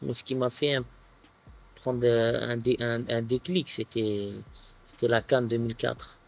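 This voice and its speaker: A relaxed man in his thirties, grown up in France, talks casually as a guest on an outdoor sofa. His voice sits at an ordinary middle pitch, and he leans on small fillers as he searches for words. Soft music plays faintly behind him. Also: a little slow, gravelly. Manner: relaxed, full of fillers like "tu vois". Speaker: guest footballer. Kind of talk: casual interview chat.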